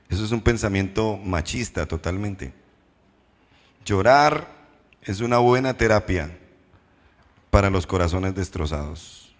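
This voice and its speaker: A man preaching a sermon as pastor, posing questions to the congregation and slowing down for emphatic repetitions. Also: sits low. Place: church hall. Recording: reverberant church hall.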